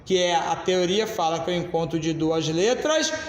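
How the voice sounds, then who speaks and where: A Brazilian man teaching a grammar lesson at the board, explaining slowly and addressing the class as "senhores.". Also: fairly high pitch. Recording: echoey classroom, reverb.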